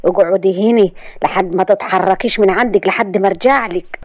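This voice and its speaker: A woman's voice: medium pitch, fairly quick, dry recording, clean studio sound, natural voice. Woman doing a stern, curt Egyptian hero. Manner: curt, commanding, cold. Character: stern, protective young man.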